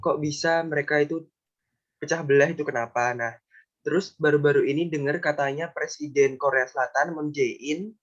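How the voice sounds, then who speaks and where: A man's voice: on the high side, fairly even intonation, moderate pace. A male student hesitantly asking a question in an online session, with fillers and restarts. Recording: dull lo-fi video call audio.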